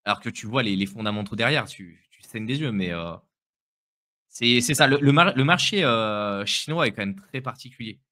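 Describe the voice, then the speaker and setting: Bright-voiced man giving halting opinions. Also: mid-range voice, expressive. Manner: hesitant, repeats words while giving opinions. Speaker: co-host of a crypto live stream. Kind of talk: casual chat.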